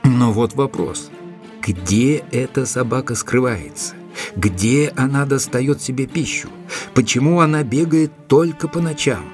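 An actor playing Doctor Watson, a sensible, determined gentleman who tells of his investigation in a measured, deliberate audio drama style. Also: mid-range voice, close to an everyday voice. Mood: pondering. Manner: measured, deliberate storytelling with rhetorical questions. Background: music behind the voice.

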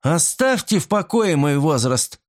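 Guy doing a scheming young woman in a storybook, cold and deliberate, voice pushed way up. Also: mid-range voice, animated, a little mellow, pitched above the performer's own voice, lightly acted. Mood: fiercely indignant.

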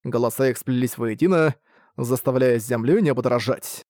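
Male audiobook narrator, steady measured delivery, mid pitch, dry close recording. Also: dry recording. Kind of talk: scripted fantasy narration.

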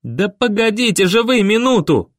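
A man voicing a hot-tempered teenage boy who shouts and pleads in desperation. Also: very high voice, sing-song, fairly quick, no echo, clean studio sound, pitched above the performer's own voice, exaggerated voice. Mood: indignant.

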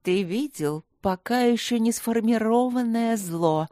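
Woman playing a calm melodic old elder. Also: on the low side, unhurried, no echo, clean studio sound. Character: calm, kindly old male elder wizard.

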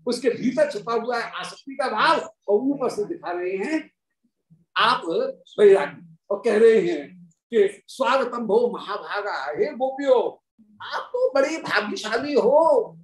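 Woman, devotional scripture talk, high voice, animated storytelling, roomy distant recording. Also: takes it slowly. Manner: animated, dramatic storytelling with quoted verses. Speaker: devotional speaker.

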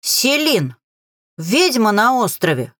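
A woman's voice: a little high, big pitch swings, slow, fairly bright tone, no room sound, voice pushed up, exaggerated voice. A woman reading as a talking female crow who reports danger urgently, in a dry close recording. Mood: alarmed. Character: talking crow, female lookout, brisk and alert.

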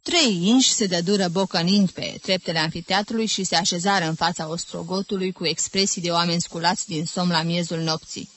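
Woman audiobook narrator, expressive storyteller, crisp forward tone, dry booth sound. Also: fairly low pitch, no echo. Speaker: audiobook reader.

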